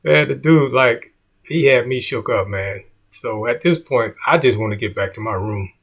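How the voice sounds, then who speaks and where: Husky-voiced man telling a story. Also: medium pitch, moderate pace. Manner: laid-back, peppers lines with "man". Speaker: comedian. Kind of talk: casual comedic storytelling.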